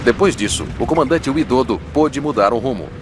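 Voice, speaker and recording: A man's voice: medium pitch, lively intonation, brisk. A man with a Brazilian accent giving dramatic scripted documentary narration as a voice-over. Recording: studio voice-over with music bed. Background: music.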